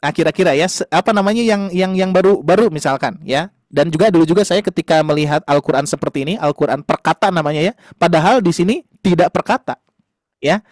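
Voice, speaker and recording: A male Quran teacher with a fairly high voice explains slowly and patiently, dropping in fillers and little tag questions as he checks that his listeners follow. The sound is dry and close, with almost no room in it. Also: no echo. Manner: patient, explanatory, addresses parents warmly as "Ayah Bunda". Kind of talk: online class lesson.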